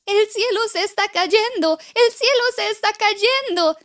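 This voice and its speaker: Storybook chick, panicky and shrill, voiced by a woman, very high. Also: a little slow, a bit bright. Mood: panicked. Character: frightened little chick.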